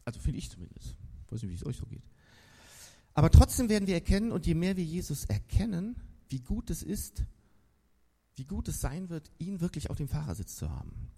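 A man's voice: on the high side, sing-song, brisk, vocal fry, mellow, breathy edge. A man preaching a sermon at a church service in a casual, enthusiastic and slangy storytelling way. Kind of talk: lively sermon.

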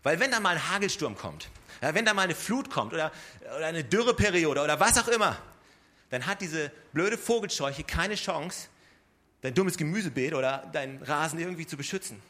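Bright-voiced preacher man, conversational sermon. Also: fairly high pitch, expressive, fairly quick. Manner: conversational, addresses listeners directly with rhetorical questions. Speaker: pastor.

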